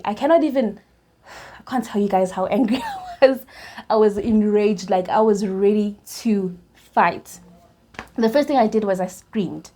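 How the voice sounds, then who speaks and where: A young woman with a South African accent recounts a personal story straight to camera in a casual storytime vlog. Her voice sits a little high, and she tells it in an animated way, laughing often and restarting her sentences. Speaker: YouTuber.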